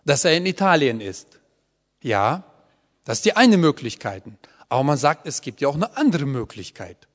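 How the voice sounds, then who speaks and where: A man's voice: fairly high pitch, big pitch swings, moderate pace. A man teaching a Bible study to a group, explaining patiently and often checking in with a questioning "ja?". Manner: explanatory, often asks the audience "ja?". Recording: long hall reverb.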